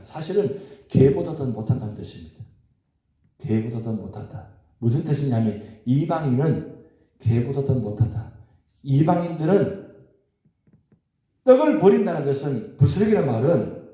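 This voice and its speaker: In a church sanctuary, a pastor with a warm, somewhat high voice preaches an early morning sermon. His delivery rises and falls emphatically, and he poses many rhetorical questions. The hall echoes heavily.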